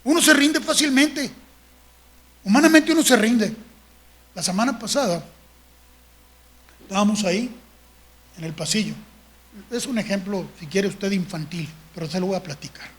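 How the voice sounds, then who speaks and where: A man's voice: high voice, expressive, moderate pace, pauses often, a bit bright. A man, a pastor preaching a sermon in a conversational, storytelling way with frequent tag questions. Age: 60s.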